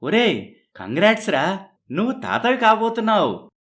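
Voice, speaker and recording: Hearty, chummy doctor. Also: male voice, high-pitched, huge pitch swings, normal speed, fairly bright tone, full character voice. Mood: jolly. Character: cheerful family doctor, father's old friend. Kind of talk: cartoon story voice acting.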